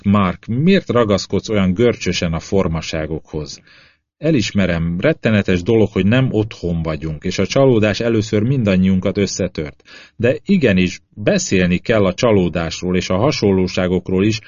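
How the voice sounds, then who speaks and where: A man's voice: lowish voice, darkish tone, no echo, lightly acted. A man voicing an earnest male astronaut who explains things in an audiobook. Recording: slightly dull lo-fi audio.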